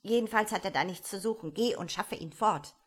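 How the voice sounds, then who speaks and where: A woman voicing an agitated, bossy male rabbit who scolds his servant in sharp shouts. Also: mid-range voice, fairly quick, breathy edge, lightly acted. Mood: scolding.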